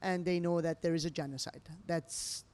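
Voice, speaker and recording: Over slight background noise, a middle-aged woman from Lebanon talks at a moderate pace in a voice on the low side. A restaurant owner being interviewed during a meal, she speaks expressively, her English imperfect and non-native in phrasing.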